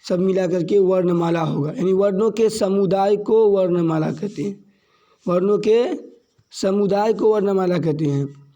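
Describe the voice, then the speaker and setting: A man teaching a grammar lesson slowly and deliberately, repeating each point and asking questions that he answers himself. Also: sits high, mellow, highs cut off. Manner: slow and deliberate, stressing key terms.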